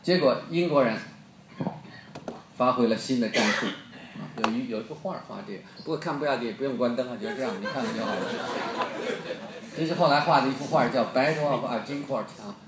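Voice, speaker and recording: A man's voice: mid-range voice, brisk, roomy sound, heavy background noise. Beijing-accented man telling a sermon story. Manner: joking, quizzes the audience.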